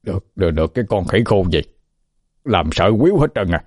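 A man's voice: lowish voice, a little slow, dark tone, no room sound, clean studio sound. A man voicing a tearful, stammering old husband. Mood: sulky. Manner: sobbing, pleading, stammering. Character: tearful old village husband fearing for his wife.

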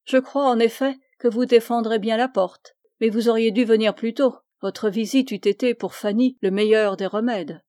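A woman reading the part of a loyal friend who nurses the heroine, gently teasing. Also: a little high, fairly even intonation, normal speed, few pauses, no room sound, clean studio sound, close to an everyday voice. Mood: gentle.

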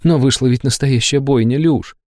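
A young female student, sharp-tongued and worried, scolds a friend in a raised, pitched-up voice, as a male reader puts her on. It is an audiobook character voice, recorded dry and close with no room sound. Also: moderate pace, no room sound, lightly acted. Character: young female student, angry yet caring.

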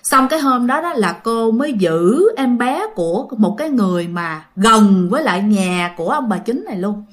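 A woman narrates ghost stories in a relaxed, chatty tone. She keeps turning to her listeners as she talks. Her voice sits a little high. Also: normal speed, few pauses. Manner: chatty, addresses listeners directly. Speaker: storyteller.

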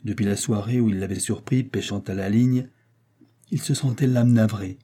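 A man narrating a classic novel in a measured, dramatic storytelling manner. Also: on the low side, steady tone, mellow, husky. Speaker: audiobook narrator. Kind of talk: literary audiobook narration.

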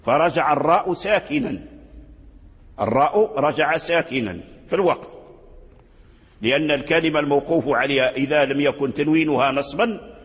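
A man's voice: fairly high pitch, moderate pace, slightly rough, long reverb tail. A man teaching Quran readings in an explanatory lecture. He repeats words and restarts often, and sometimes chants the example words.

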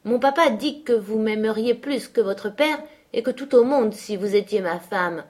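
A woman's voice: on the high side, normal speed, a little mellow, pitched above the performer's own voice, natural voice. A woman reading aloud, voicing a sickly, spiteful teenage boy with a whiny, taunting manner. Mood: coaxing.

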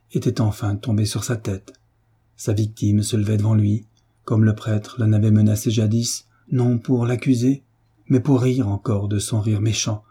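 A man narrating a classic novel in a measured, solemn audiobook reading. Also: on the low side, warm tone, slightly rough. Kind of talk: scripted literary narration.

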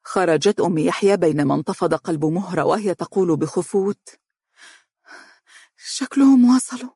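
A man narrating a novel in a steady, measured reading voice. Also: on the high side, husky, dry recording, studio quality. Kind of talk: audiobook narration.

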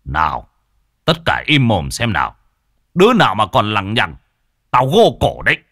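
Male narrator as a commanding village elder, forceful shouted orders. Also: on the low side, wildly swooping pitch, moderate pace, dry recording, studio quality, exaggerated voice. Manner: barking orders.

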